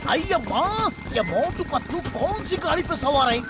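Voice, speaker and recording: Inspector Chingam, high-pitched pompous policeman. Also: big pitch swings, full character voice. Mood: commanding. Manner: bombastic, repeats catchphrases with drawn-out English commands. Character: pompous, excitable male police inspector who shouts orders. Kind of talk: exaggerated cartoon acting. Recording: loud background music.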